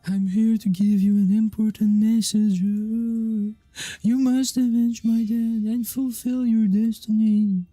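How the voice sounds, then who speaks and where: A woman voicing a ghostly prophetic spirit that speaks in loud, slow, commanding proclamations. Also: a little high, flat delivery, dry recording, faint music behind. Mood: solemn.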